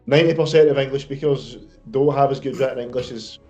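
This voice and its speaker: A man's voice: medium pitch, quick pace, darkish tone, faint music behind. A man co-hosting a football podcast, speaking hesitantly with stumbles and uhs. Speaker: podcast co-host. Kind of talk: casual podcast chat. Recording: dull lo-fi mic.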